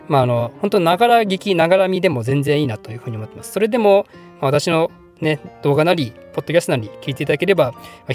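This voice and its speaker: A man from Japan hosts a casual question-and-answer session, talking fast and laughing at himself as he rambles. His voice is high and swings widely, with an edited pitch-up. Soft music sits faintly underneath. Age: adult, working. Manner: rambling, self-deprecating, laughs often. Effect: voice pitched up slightly in editing. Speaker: history channel host answering viewer questions. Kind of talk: casual Q&A monologue.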